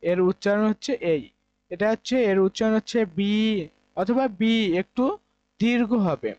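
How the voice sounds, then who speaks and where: A man's voice: high-pitched, moderate pace, darkish tone, lo-fi sound. A man from Bangladesh, teaching English grammar in a classroom-style lesson, explaining step by step and repeating key points.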